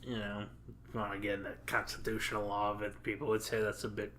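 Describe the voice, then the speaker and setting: A man casually chatting on a podcast as co-host, halting with lots of filler pauses and dry, crude jokes. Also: on the low side, little pitch movement, bright, forceful tone, slight background noise.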